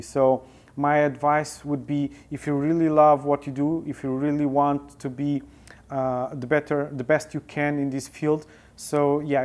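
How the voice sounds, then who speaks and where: A man in his forties with a Portuguese accent speaks in a fairly high, darkish voice. He is a photojournalist being interviewed in an indoor studio with a sofa, answering thoughtfully with frequent filler hesitations, recorded on a lapel mic.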